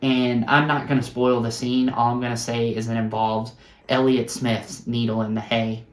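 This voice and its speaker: A man's voice: medium pitch, level tone, normal speed, a little hiss or hum. A man talks casually about the films he just bought, recommending each one with earnest enthusiasm. His voice sits in a middle register and rings around a roomy, echoey home room. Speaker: guest showing his film haul. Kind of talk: casual film chat.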